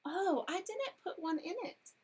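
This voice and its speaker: A woman's voice: very high voice, lively intonation, unhurried, a little mellow, voice pushed up, poor audio. A woman voicing a proper lady cat hostess in a storybook reading, formal and severe. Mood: prim.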